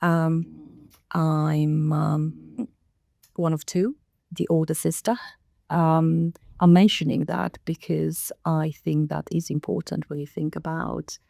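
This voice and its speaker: A middle-aged woman from Romania, a council director speaking as a podcast guest in a measured, thoughtful way with many pauses. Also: low voice, little pitch movement, gravelly, mellow, no echo, clean studio sound. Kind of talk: podcast interview.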